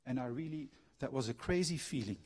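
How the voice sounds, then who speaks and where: Speaking a little fast with lively intonation, this middle-aged man has a medium-pitched, darkish voice. He is a Belgian who grew up abroad, a former factory manager and trained coach lecturing publicly in a university hall, telling personal stories and asking the audience questions.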